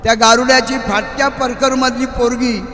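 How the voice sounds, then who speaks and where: Marathi preacher guy, high voice, big echoey hall with long reverb, asks the crowd questions. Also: moderate pace. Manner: animated, rising to shouts and dropping to quiet asides, questions to the audience. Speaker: kirtan preacher. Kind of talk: devotional sermon with storytelling. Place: large hall at a memorial gathering. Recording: echoey hall with faint ambience.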